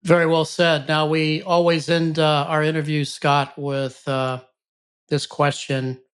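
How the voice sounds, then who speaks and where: A man's voice: on the high side, level tone, a little slow, a bit bright, clear, resonant tone. A man hosting an interview podcast, asking questions in a courteous, reflective way. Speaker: podcast host.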